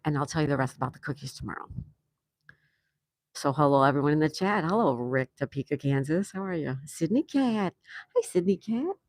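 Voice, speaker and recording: Speaking briskly and expressively in a low voice, this older woman from New York runs a laid-back patio livestream. She reads out viewer comments between frequent laughs, and the recording is dry.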